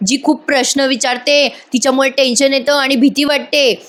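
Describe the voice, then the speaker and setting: A stubborn middle-aged aunt scolds everyone loudly, fierce about her daughter, as a woman reads her lines in a TV serial recap. The voice sits fairly high. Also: little pitch movement, moderate pace. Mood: scolding. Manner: loud and scolding.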